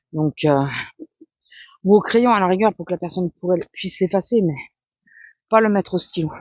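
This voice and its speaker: A woman's voice: fairly low pitch, dry recording. A woman vlogger rambling casually and explaining crafts, with many fillers and restarts. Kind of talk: casual chat. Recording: dull lo-fi sound.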